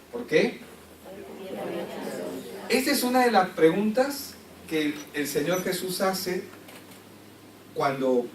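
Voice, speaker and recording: A man's voice: mid-range voice, a little hiss or hum. A man teaching a Bible class who reads scripture aloud, explains it and asks his listeners questions. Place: church classroom. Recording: echoey room, distant mic, faint ambience.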